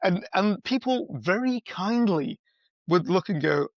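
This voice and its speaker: A middle-aged man speaking as a guest expert in a conversational podcast interview, animated and acting out quoted dialogue with playful voices. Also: high-pitched, unhurried, no echo. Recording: slightly dull, dry sound.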